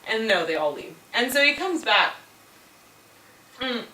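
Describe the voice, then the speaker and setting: A woman's voice: a little high, big pitch swings, unhurried, very noisy. Tipsy young woman rambling a comic retelling. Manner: rambling slangy delivery, laughing. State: drunk. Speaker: storyteller. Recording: echoey room, mic at distance, faint music.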